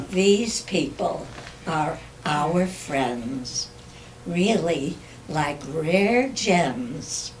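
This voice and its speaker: Older lady reading her poems real slow, lowish voice, mic kinda far off with faint hum. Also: expressive. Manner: slow, measured recitation. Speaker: guest poet. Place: community club room.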